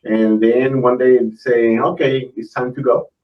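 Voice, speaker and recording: A man's voice: medium pitch, flat delivery, measured pace. Man from Puerto Rico, distant lo-fi sound. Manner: hesitant, with many fillers and restarts. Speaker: guest. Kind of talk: casual interview chat. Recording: lo-fi, from off the mic.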